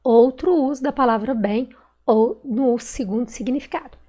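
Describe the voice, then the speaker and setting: Correcting exercises in a recorded online class, this Brazilian primary school teacher speaks Portuguese with a Minas Gerais accent, drawing out words and syllables patiently. Her voice is a little high and warm, at a moderate pace.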